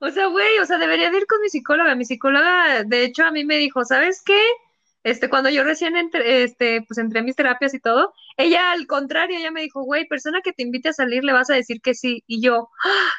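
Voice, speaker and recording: Bright high-voiced Mexican woman, laughing. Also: fairly quick, no echo. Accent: Mexican Spanish. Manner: laughs while talking, lively storytelling. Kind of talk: casual chat. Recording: dull lo-fi sound.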